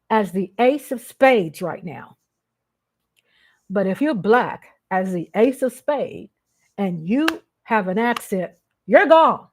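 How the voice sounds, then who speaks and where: Blunt, emphatic woman vlogger. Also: fairly high pitch. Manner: blunt and emphatic, with casual swearing. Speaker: live-stream vlog host. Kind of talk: unscripted live commentary.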